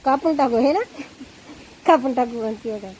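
High-voiced village woman chatting outdoors. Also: normal speed, mellow, a little hiss or hum, low-quality recording. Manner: chatty, showing things to viewers. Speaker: vlogger. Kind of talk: casual village vlog.

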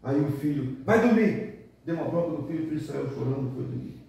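A man's voice: medium pitch, fairly even intonation, fast talker, vocal fry, dark tone, heavy reverb, recorded from a distance, low-quality recording. A Brazilian man, a pastor, preaching a sermon and acting out the voices of the people in his stories. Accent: Brazilian Portuguese. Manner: storytelling preacher acting out dialogue.

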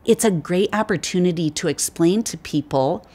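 Woman, 50s, low register, relaxed conversational interviewee, winery staff. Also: moderate pace, slightly rough. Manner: relaxed, conversational, frequent fillers. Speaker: winery wine specialist. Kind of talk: sit-down interview answers. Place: indoor winery tasting room.

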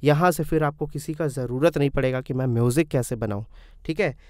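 A man's voice: medium pitch, a little fast, a little mellow, clear, resonant tone, no echo, clean studio sound. A man teaching music theory step by step in a casual tutorial, asking and answering his own questions and calling viewers brother. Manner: calls viewers "brother" in friendly chat. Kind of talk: casual screen-recorded tutorial.

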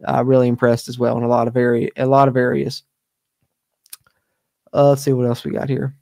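Young male host, casual live stream commentary, flat delivery, dark tone, dry close mic. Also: medium pitch, brisk, vocal fry, no echo. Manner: casual, filler-heavy, talks to live chat. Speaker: sports webcast host. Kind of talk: live sports postgame commentary. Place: home streaming studio, indoors. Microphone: studio mic close on camera.

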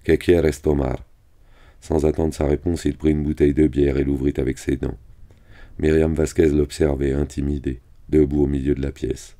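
Male reader with an extremely deep, dark voice, flat and steady, reading a novel aloud. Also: normal speed.

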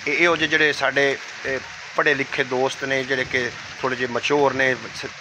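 Holding his phone out at arm's length, a thirty-something Punjabi-accented man films a village vlog outdoors under light rain and chats with a local. The medium-pitched voice moves at a normal pace with fairly level intonation against a noisy backdrop, rising in volume for the audience and dropping while he walks.

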